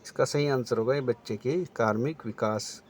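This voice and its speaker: A man's voice: mid-range voice, fairly even intonation, normal speed, darkish tone, slight background noise. A man teaching exam preparation, reading out multiple-choice options and then explaining the right answer.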